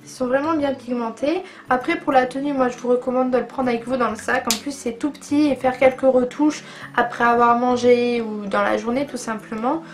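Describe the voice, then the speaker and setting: A woman with a high voice talks through her favourite makeup products in a casual beauty vlog. She sounds chatty and eager and fills her speech with little hesitations. Soft music plays faintly behind her. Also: steady tone, a little fast. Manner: chatty and enthusiastic, with frequent fillers. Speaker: beauty vlogger.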